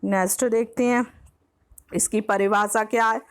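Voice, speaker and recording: A woman's voice: medium pitch, fairly even intonation, normal speed. A woman teacher with a Hindi accent from Uttar Pradesh, explaining grammar for an exam-prep lesson, patiently repeating each point and slipping English words into her Hindi. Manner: mixes English words like next and example into Hindi.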